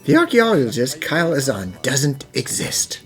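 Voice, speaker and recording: A medium-pitched gentleman professor, acted by a man, formal and thoughtful. His intonation rises and falls dramatically as he explains, in animated dub style. Light music sits underneath. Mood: grave. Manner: composed, formal, measured explanations. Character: gentlemanly puzzle-solving professor, thoughtful, devoted father. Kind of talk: animated fan dub acting.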